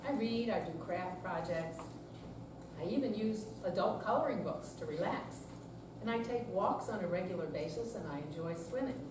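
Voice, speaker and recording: Captured by a distant mic in a very reverberant senior center room with steady noise, an older actress performs live as a seventy-year-old woman in a staged reading. Her natural voice is on the low side, and she speaks deliberately from the script, earnest and confiding, weary but resolute.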